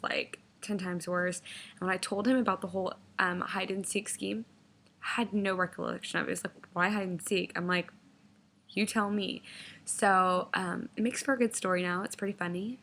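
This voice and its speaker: A woman's voice: medium pitch, gravelly, a bit bright. A woman, telling a story to camera in a casual vlog, full of "like" fillers and swearing. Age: 20s. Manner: chatty, lots of "like" fillers, swears freely. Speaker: vlogger.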